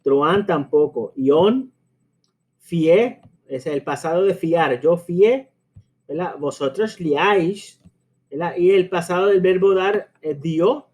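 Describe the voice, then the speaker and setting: Caribbean-accented man, mellow teaching voice. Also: high-pitched, takes it slowly. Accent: Caribbean Spanish. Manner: conversational, frequent tag questions and hesitations. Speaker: language teacher. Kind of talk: explanatory spoken lesson.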